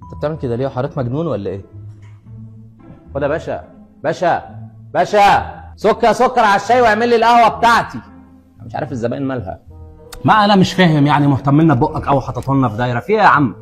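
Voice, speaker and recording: A wisecracking Egyptian barber who fires off jokes at his customers. He has an Egyptian Arabic accent and rattles through his lines very quickly, in a slightly high voice. It is a comedy sketch, played as quick banter. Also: lively intonation, breathy edge, soft background music. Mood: teasing. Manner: teasing, bantering, rapid-fire jokes at customers. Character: cheeky joking neighborhood barber, adult man. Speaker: actor.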